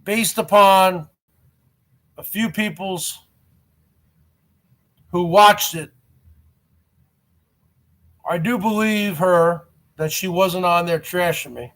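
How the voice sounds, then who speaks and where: Hosting a live stream, a man in his forties with a stutter and a high, fairly bright voice speaks directly to his viewers. He goes slowly and pauses often, sounding aggrieved as he keeps returning to the same complaint and repeating his words.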